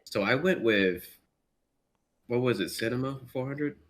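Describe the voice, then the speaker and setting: A man talking casually as a game show contestant, animated and repeating himself as he thinks aloud. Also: medium pitch, moderate pace. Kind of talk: casual chat.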